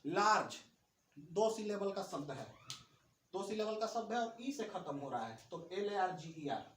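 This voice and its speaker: A man's voice: high-pitched, big pitch swings, far from the mic. Male English teacher, patient, repetitive classroom explanation, off-mic in a roomy room with faint hiss. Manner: slow and deliberate when reading English rules aloud; spells out words letter by letter, repeats key terms. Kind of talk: grammar lesson explained in Hindi.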